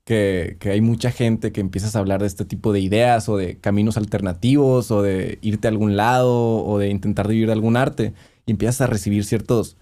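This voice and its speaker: Un hombre que comenta con calma y reflexiona en una charla informal. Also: male voice, on the low side. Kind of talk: casual chat.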